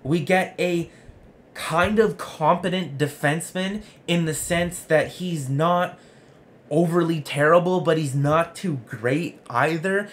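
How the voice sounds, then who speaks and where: A man's voice: a little high, slow. A man in his twenties hosting a sports vlog, arguing with himself in an earnest, explanatory, conversational way. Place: small home room with jerseys on the wall. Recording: noticeable room noise.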